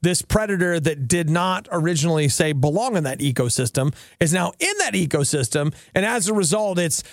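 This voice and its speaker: A man's voice: a little high, lively intonation, brisk, few pauses, no room sound, clean studio sound. A man co-hosting a casual chat show, wry and joking as he reads out news items. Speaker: co-host.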